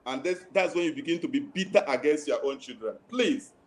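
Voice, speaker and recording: A man speaks as a guest in an online interview, giving earnest advice in a pleading way. He repeats his main points. His voice sits a little high for a man. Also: lively intonation, brisk, a crowd in the background. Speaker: guest financial advisor.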